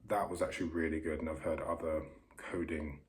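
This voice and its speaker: A man speaks in a very deep register with little melody, keeping his voice hushed. He talks casually and a little self-consciously, like someone recording a vlog quietly so the people nearby won't hear. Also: level tone, a little fast. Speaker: vlogger documenting learning to code. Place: upstairs bedroom in a holiday home.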